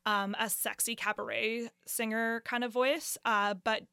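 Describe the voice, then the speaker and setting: A woman co-hosting a casual comedy podcast in a voice with vocal fry, joking dryly at her own expense and swearing freely. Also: fairly high pitch, little pitch movement, measured pace, bright, forceful tone, no echo. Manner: self-deprecating, sweary, dry joking. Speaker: podcast co-host. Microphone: close podcast microphone on a stand.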